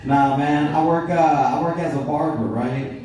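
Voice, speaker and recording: A man's voice: on the high side, unhurried, dark tone, slight background noise. A man in his thirties doing a stand-up comedy set on a club stage, brash and profane, bantering with the audience. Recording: echoey club room, distant, crowd laughter.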